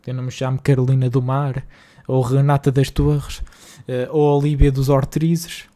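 This is casual live-stream gaming chat from a young Portuguese man at home, whose northern Porto accent colors his slangy, exasperated remarks to viewers. His mid-range voice is mellow, moves little in pitch, and keeps a normal speed.

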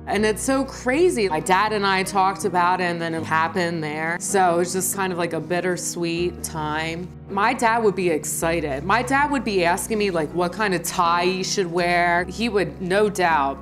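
Young woman speaking heartfelt and emotional. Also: fairly low pitch. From Germany. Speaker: bride. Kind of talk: interview for a wedding video. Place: living room by a fireplace, indoors.

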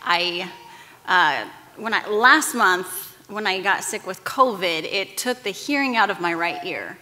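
A woman in her thirties giving a commencement address from a podium, candid and halting, with restarts and fillers. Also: mid-range voice, lively intonation, bright, forceful tone. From Texas-Mexico border region. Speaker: commencement speaker, news anchor. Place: large auditorium stage. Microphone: podium microphones. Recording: long hall reverb.

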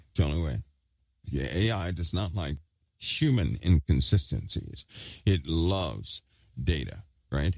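A very low-pitched man preaches an online sermon, pressing his points with repeated phrases. He talks around a hard object held in his mouth. The recording is dry and close, with no room sound. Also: creaky, a little mellow, no echo. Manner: emphatic, repeats phrases for stress.

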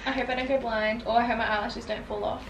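A twenty-something Australian woman, a sprinter who vlogs, chats casually and slangily to a handheld camera held at arm's length in a small motel room, sometimes stepping just outside. Her fairly high voice moves at a quick pace with a steady tone. The camera audio has background noise and the highs are cut off.

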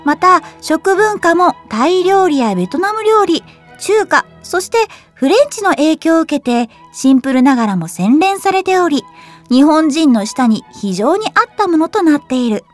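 A young woman hosting a web radio show, reading quiz trivia aloud and reacting to it with quick giggles and chatty asides. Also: high voice, faint music behind. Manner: lively, giggly, reads trivia then reacts.

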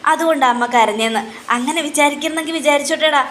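A jittery middle-aged father from a TV drama who soothes and placates the people around him, as a woman voices him. The voice is barely disguised and stays a little high, with a faint hiss behind it. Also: fast talker, fairly bright tone. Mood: anxious. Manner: anxious, placating. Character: nervous middle-aged father, eager to please.

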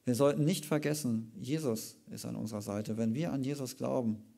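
A man preaching in a church service, retelling a Bible story in a lively way and adding casual asides. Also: medium pitch, brisk, creaky.

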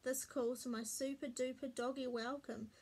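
A woman voicing an excitable, eager pet dog in a children's storybook reading. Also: high voice, moderate pace, husky.

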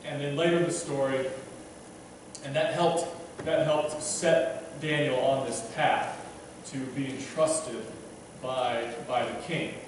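Speaking slowly in a medium-pitched, fairly even voice, this preacher in his thirties gives a relaxed, conversational sermon at the pulpit with slight noise behind him. He pokes fun at himself, restarts often, leans on fillers and occasionally trips over words. The sound reaches a far-off camera through a pulpit mic, leaving an echoey church feel.

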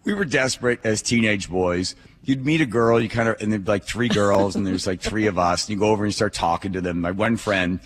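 A middle-aged American man co-hosting a radio talk show, telling casual comic anecdotes in a rambling, animated way on a close microphone. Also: on the low side, a little fast. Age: middle-aged or older. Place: home room, radio show over remote link. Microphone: close studio microphone with headset.

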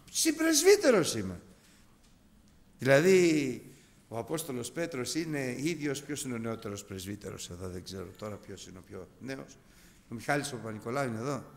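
A man in his fifties preaching a sermon to his congregation, animated and emphatic. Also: mid-range voice, vocal fry. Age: 50s. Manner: animated, emphatic, addresses brethren. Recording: hall reverb.

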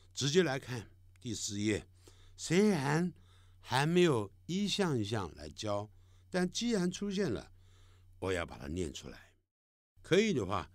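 A middle-aged man teaching English vowel sounds, speaking slowly and deliberately and drawing out each sample sound. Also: medium pitch, dry recording, studio quality. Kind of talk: recorded classroom lesson.

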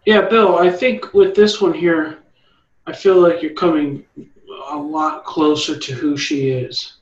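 A man's voice: fairly high pitch, measured pace, reverberant, highs cut off. A man leading an art meetup, giving encouraging critique and often restarting his sentences. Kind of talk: art critique, casual coaching.

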